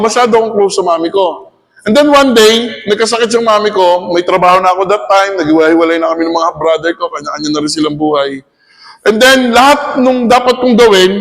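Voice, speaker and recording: A Filipino man, a teacher, giving an animated seminar talk that mixes Tagalog and English and often checks in with the audience. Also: sits high, big-room sound. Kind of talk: lecturing to an audience, mixing in personal stories.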